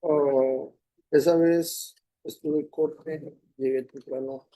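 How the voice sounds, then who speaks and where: A man's voice: a little high, fairly even intonation, slow, warm tone, poor audio. A man who is a native Spanish speaker, giving courtroom testimony as a defendant. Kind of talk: courtroom testimony through an interpreter.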